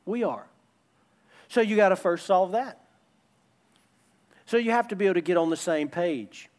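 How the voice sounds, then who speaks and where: A pastor, a middle-aged man, delivers a sermon in an earnest, plain-spoken way. His voice sits high for a man. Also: lively intonation, a little mellow. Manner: earnest, plain-spoken counsel with quick asides.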